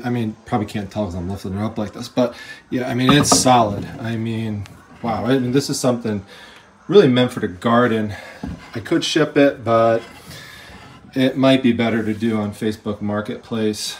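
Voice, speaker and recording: A treasure-hunting vlogger with a lowish voice chats casually while walking through an estate sale house, filming first-person on a handheld camera. His talk is full of "I mean" and "you know," and there's a little hiss or hum in the audio.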